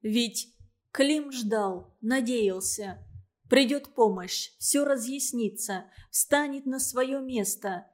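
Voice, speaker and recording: A woman reading a novel aloud as an audiobook narrator, measured and expressive. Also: a little high.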